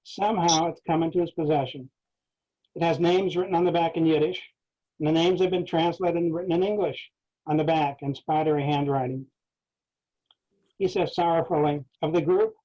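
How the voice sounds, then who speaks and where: A man, the author, reading aloud from his memoir in a measured way, with asides to listeners. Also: a little high, warm tone. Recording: dull lo-fi recording.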